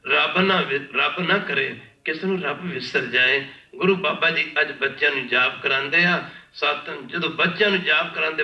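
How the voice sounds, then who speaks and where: A man from India preaching a sermon with storytelling, impassioned and repeating his phrases, often pausing to beg the congregation's pardon. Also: on the high side. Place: large worship hall. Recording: echoey hall, distant mic, dull lo-fi.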